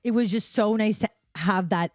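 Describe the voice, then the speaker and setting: A woman's voice: medium pitch, normal speed, no echo, studio quality. A woman co-hosting a podcast, chatty and upbeat, full of "like". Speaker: podcast co-host. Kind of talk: casual chat.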